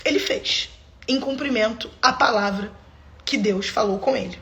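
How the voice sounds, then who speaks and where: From her home, a woman with a high voice runs a live stream, sharing a personal testimony of faith. She tells it emphatically, like a storyteller, often speaking straight to her viewers at a normal pace with a fairly bright tone.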